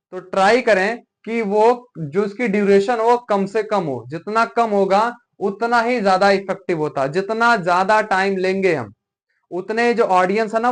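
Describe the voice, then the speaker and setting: A male teacher from Uttar Pradesh, India, giving a classroom lecture and often asking rhetorical questions to check understanding. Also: high voice.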